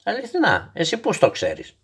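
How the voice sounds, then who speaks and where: A stubborn, dreamy old grandfather from a storybook, as a man reads him, telling outlandish tales with calm, patient certainty. He is gently instructive and never flustered, as if every wild detail were plain fact. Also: sits high, slightly rough, voice pushed up, heavily acted.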